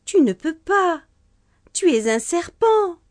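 A woman's voice: extremely high pitch, very animated, takes it slowly, darkish tone, no echo, clean studio sound, voice pushed up, exaggerated voice. A woman voicing a weary, firm mother who keeps refusing her son, in a told folk tale. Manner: firm, scolding. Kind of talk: storybook narration.

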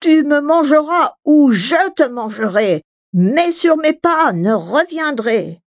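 A woman voicing a small, plucky, stubborn cockerel in a high, insistent sing-song chant. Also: animated, takes it slowly, no room sound, full character voice. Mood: defiant.

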